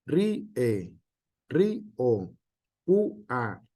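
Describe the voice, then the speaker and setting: A male teacher giving an online class. He speaks slowly, sounds out example words one at a time, and fills pauses with "este" and a checking "¿sale?". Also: medium pitch, sing-song, warm tone. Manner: frequent fillers and tag question.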